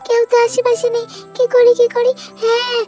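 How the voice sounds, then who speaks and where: A woman voicing a mischievous little child in a storybook doll story, calling out in a high, whiny way. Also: monotone, normal speed, music in the background. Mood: playful. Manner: high childish whining calls.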